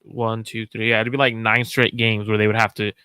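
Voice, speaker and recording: A man hosting a casual sports chat, analytical and measured, repeating his main points. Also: lowish voice, flat delivery, sharp tone, clean tone, dry recording. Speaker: host.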